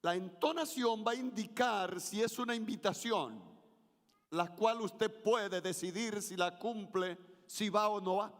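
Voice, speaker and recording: Middle-aged male pastor, unhurried high voice, plays with intonation and calls for responses, reverberant church hall. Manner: varies intonation for emphasis, leads congregation in call-and-response. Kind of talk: sermon. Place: church sanctuary.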